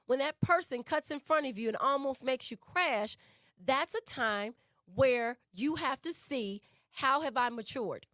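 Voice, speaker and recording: A woman's voice: sits high, lively intonation, a little slow, a bit bright, dry recording, studio quality. A woman co-hosting a relationship talk show who speaks emphatically, repeats her key points and asks rhetorical questions. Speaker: relationship podcast co-host. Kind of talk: conversational teaching talk.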